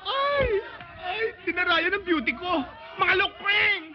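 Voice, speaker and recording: Muffled film audio with music carries a flamboyant, effeminate male manager. The voice sits very high and swoops theatrically, with campy, dramatic slang. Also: expressive, slow pace, a faint crowd, full character voice. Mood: exasperated. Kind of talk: Filipino comedy film acting.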